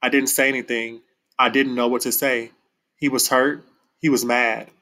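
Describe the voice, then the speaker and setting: A man reading a novel aloud in a plain, unhurried way, with small slips and restarts. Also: mid-range voice, level tone, pushed and bright, rough recording. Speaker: reader.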